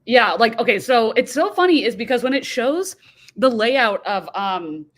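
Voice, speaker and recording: A woman speaks as a guest in a casual chat, frank and talkative. Her pitch moves around a great deal as she talks. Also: expressive, normal speed.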